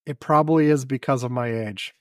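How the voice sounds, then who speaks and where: Male podcast co-host, middle pitch, dry close sound, wry and rambling, swears casually. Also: fairly quick, dry recording.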